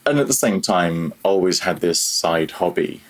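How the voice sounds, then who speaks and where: A low-voiced man, a podcast guest who works as an audio programmer, tells the story of his own career in a casual interview. He talks animatedly at a moderate pace, rambling conversationally.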